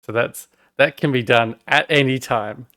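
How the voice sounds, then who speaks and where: A streamer with an Australian accent chats casually on a live stream, rambling and poking fun at himself as he walks through his tech setup while working on it. His medium-pitched voice is unhurried with a sharp tone, recorded in studio quality with no room sound.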